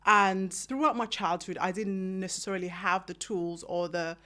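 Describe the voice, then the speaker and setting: Animated Kenyan-born woman telling her story. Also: mid-range voice, normal speed. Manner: animated, emphatic storytelling with acted-out quotes. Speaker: author and guest. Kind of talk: conversational interview storytelling.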